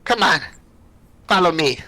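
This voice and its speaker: A woman's voice: lowish voice, lively intonation, unhurried, sharp tone, no echo. A man voicing an erratic, grinning female hag who speaks with mock sweetness during a tabletop game. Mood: curt. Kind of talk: tabletop game role-play.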